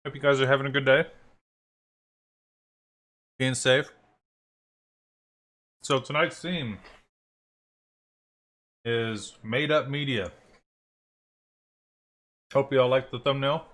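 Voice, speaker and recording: A man hosting a livestream, talking in a relaxed, unscripted way at a mid-range pitch. His sentences wander and restart, full of "like" and "uh", as he greets viewers and shares opinions. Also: slow, pauses often. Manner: conversational, loose phrasing with fillers. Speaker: livestream host. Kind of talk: casual livestream commentary.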